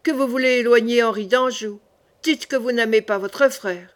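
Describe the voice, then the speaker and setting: A woman reading the part of a scheming older queen mother in an audiobook, measured and probing. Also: a little high, fairly even intonation, lightly acted.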